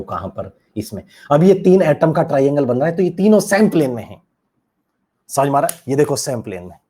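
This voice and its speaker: Guy teaching chemistry, warm mellow voice, gets loud then drops to mutters, acts out his students. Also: breathy edge. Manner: animated, swings between loud bursts and low asides, acts out students. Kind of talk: animated classroom lecture.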